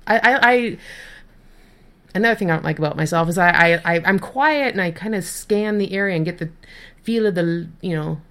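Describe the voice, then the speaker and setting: A woman's voice: on the low side, brisk, a bit bright. A woman co-hosting a podcast in casual chat, telling a self-deprecating story and often repeating words as she starts a sentence. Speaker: podcast co-host.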